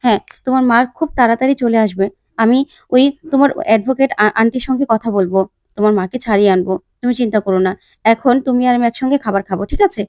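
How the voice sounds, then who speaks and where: Woman voicing a gentle young father. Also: fairly high pitch, fast talker, dry recording, natural voice. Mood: soothing. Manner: soothing, reassuring. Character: gentle young father comforting his daughter.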